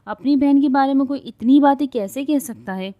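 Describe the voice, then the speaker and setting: A woman's voice: medium pitch, flat delivery, no room sound, muffled recording, lightly acted. A woman narrator voicing a young husband who scolds his wife firmly, then consoles her. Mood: stern. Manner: stern, raised voice.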